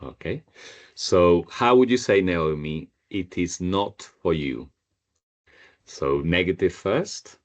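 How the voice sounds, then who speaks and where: Guy with a really low voice teaching spanish online, repeats everything back, patient. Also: slow, muffled recording. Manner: patient, repeats learners' answers. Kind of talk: online group language lesson.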